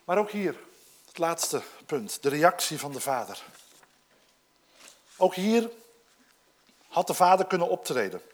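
A preacher delivering a sermon and explaining a scripture passage, moving between loud, emphatic passages and hushed, almost whispered asides. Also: medium pitch, big pitch swings, unhurried, long pauses. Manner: explains a scripture text to a congregation.

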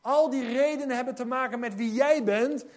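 A man's voice: very high-pitched, normal speed. A man preaching a sermon, urgent and exhorting, reading scripture with emphasis. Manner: dramatizes hesitant voices in hushed tone.

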